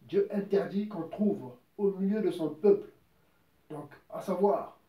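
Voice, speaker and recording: Guy preaching loose and emphatic, kinda high voice but dark tone, roomy echo, mic a bit far. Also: unhurried. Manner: emphatic, repeats words, quotes scripture at length. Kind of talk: informal sermon.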